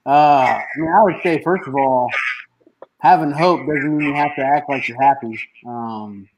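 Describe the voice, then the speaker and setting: A man speaks earnestly over a video call, reflecting on hope through his own life stories. His voice sits at a middle pitch for a man and keeps an unhurried, conversational tone. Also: lo-fi sound, background noise. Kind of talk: casual faith chat.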